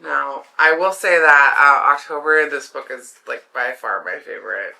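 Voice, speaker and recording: A woman's voice: sits low, normal speed, creaky, sharp tone, poor audio. A woman with a swollen throat affecting her voice, hosting a casual craft vlog in a chatty, rambling way with enthusiastic asides. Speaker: craft video host.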